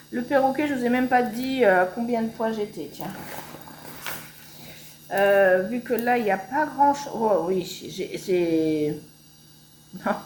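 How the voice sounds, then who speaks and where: A woman's voice: medium pitch, a little hiss or hum. A woman casually showing her cross-stitch projects at home, talking in a rambling way with many hesitations. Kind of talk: casual show-and-tell chat. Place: home, washing machine spinning nearby.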